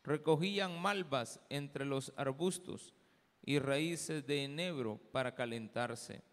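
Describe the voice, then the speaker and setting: A pastor with a Salvadoran Spanish accent, reading scripture aloud, praying and preaching in slow, deliberate phrases with pauses. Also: male voice, medium pitch, long reverb tail. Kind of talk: sermon with scripture reading and prayer. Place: church sanctuary.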